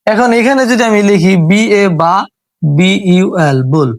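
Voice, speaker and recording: A man's voice: sits high, expressive, a little slow, no echo. A man teaching English reading, patiently sounding out words syllable by syllable. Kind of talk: spoken lesson.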